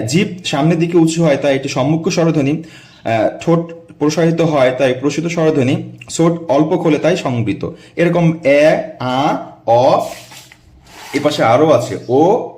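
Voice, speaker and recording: A man teaching an online class, explaining step by step and repeating vowel sounds slowly so the students can copy them. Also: a little high, a little mellow, echoey room. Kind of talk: recorded online lesson.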